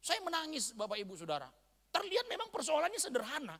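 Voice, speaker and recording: A man from North Sumatra preaching an animated storytelling sermon to a church congregation. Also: very high voice, fast talker. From Batak, North Sumatra, Indonesia. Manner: animated storytelling, bursts into shouts and laughter. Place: large church hall. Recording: long church-hall reverb.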